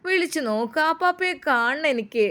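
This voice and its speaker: A woman voicing a small girl who insists and comforts in a high, childlike voice. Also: expressive, a little fast, bright, forceful tone. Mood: insistent.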